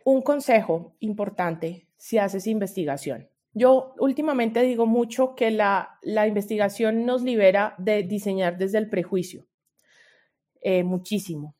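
A woman with a Colombian accent, a researcher appearing as a podcast guest, gives advice in an earnest, expressive, casual conversational way. Her voice is medium in pitch and her pace a little slow.

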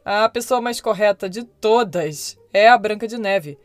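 Sassy talking magic mirror voiced by a woman, cheeky drawl, slow and lively, dry sound. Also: medium pitch, no echo, natural voice. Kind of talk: storybook reading.

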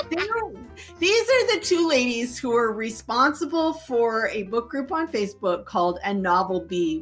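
A woman raised in Canada hosting a casual live-stream interview, chatty and quick to laugh. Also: fairly high pitch, fairly bright tone. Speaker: podcast host.

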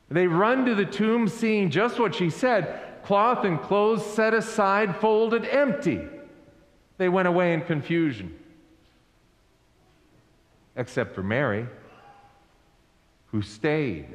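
A male pastor preaching an Easter sermon in a slow, deliberate way. He asks the congregation to repeat lines after him. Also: high-pitched. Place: church sanctuary. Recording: echoey hall with long reverb.

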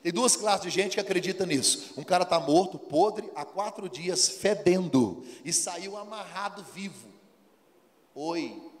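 A man's voice: high voice, lively intonation, unhurried. A man preaching a sermon, acting out dialogue and firing rhetorical questions at the congregation. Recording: long hall reverb.

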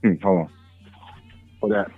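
A man's voice: fairly low pitch, steady tone, measured pace, music in the background. A man calling in from outdoors on a phone, his voice muffled as if heard through a wall, greeting people in laid-back slang. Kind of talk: casual chat. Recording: muffled tinny phone line.

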